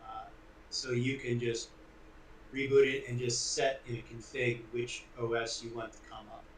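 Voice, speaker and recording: A man's voice: medium pitch, level tone, moderate pace. A man speaking as a guest in a casual technical chat, hesitant with many fillers, his mic cutting in and out so the volume keeps dropping. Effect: mic cutting in and out, uneven volume. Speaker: guest on a live call-in stream. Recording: echoey room, far from mic, faint noise.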